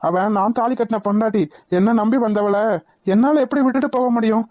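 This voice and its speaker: A woman's voice: a little high, brisk, darkish tone, dry recording, lightly acted. A woman voicing an earnest, defiant young adult son in a cartoon, pleading with his parents. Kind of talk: cartoon voice acting.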